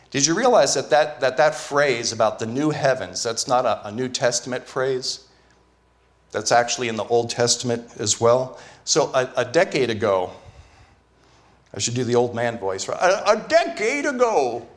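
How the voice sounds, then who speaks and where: A man preaching a sermon as pastor, earnest and teaching, repeating key phrases for emphasis. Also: mid-range voice. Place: church.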